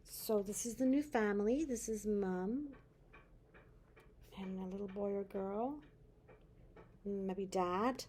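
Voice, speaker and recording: A sweet older woman, a grandmother, reading a picture book to a small child in a gentle, grandmotherly way and pointing things out. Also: medium pitch, slow pace, pauses often, a little hiss or hum.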